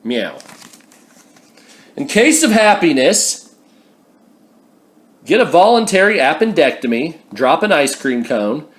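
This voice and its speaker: A man reading a humorous picture book aloud, slowly and deliberately, with wry little asides. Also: on the high side, animated. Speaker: book reader.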